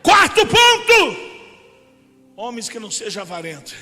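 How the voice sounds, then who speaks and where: A Brazilian-accented man preaches in a church, his voice high and sharply bright. He tells stories with animated energy and climbs into shouts. A long hall reverb and faint music sit behind him. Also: unhurried. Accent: Brazilian Portuguese. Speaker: pastor. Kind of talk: sermon. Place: church service.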